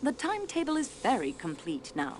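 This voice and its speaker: A composed French investigator with a French accent, formal and dryly polite. Her pitch moves freely from question to question while she keeps her calm. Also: brisk, a little hiss or hum. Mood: cool. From France. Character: polite young French woman investigator, cool and dry. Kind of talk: video game voice acting.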